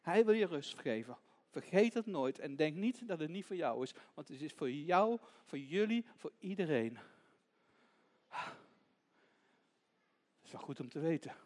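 A man gently narrating a children's Bible story, dropping to a hush at tense moments. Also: fairly high pitch, animated, measured pace, long pauses.

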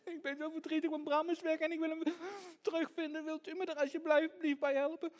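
A man voicing a frightened, brave little girl in a children's story, with a high, stammering voice. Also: animated, brisk, long reverb tail. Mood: pleading.

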